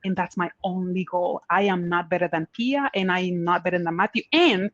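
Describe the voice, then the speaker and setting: A woman on a conference panel answers Q&A questions with career advice, earnest and encouraging, frequently repeating her main points. Her voice is lowish and brisk, and the audio is dull with no room sound.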